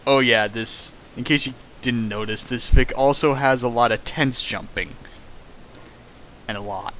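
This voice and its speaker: On a stream, a man gives a comedic dramatic reading of a fan fic, riffing with sarcastic remarks and abrupt sing-song moments. His medium-pitched voice is pushed and bright at a measured pace, and the rough recording carries slight hiss or hum.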